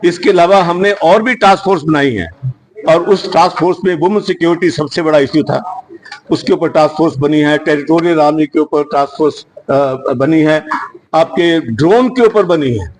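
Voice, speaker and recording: A man with a fairly high pitch speaks as the head of an industry association. He talks unscripted to the press, earnest and rambling, and he keeps circling back to restart his sentences. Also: moderate pace, poor audio. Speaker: security industry association leader. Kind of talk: unscripted media statement.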